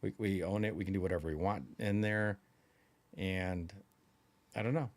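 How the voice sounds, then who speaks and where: A man's voice: sits low, normal speed. A man co-hosting a live stream, talking in a loose, rambling, chatty way with plenty of fillers. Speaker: podcast co-host. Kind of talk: casual live-stream chat.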